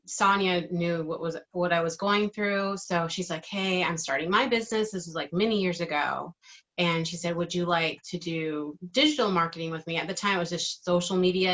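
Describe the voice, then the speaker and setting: A woman's voice: lowish voice, a bit bright. A middle-aged woman giving casual, informal interview answers, with hesitant phrasing and thoughts that trail off. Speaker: interviewee, digital marketing team member.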